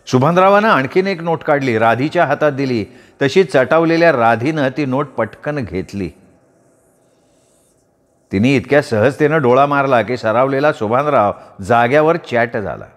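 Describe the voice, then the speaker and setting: A man giving a vivid, dramatic storytelling reading of a rural novel. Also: mid-range voice. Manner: vivid, expressive narration. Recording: long hall reverb.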